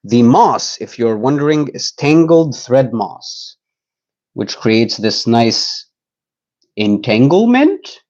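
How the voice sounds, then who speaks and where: Slow, easygoing man on a dull recording. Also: medium pitch, darkish tone. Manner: easygoing, joking, slow and rambling. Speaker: host giving a live tour. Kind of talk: casual live-stream tour.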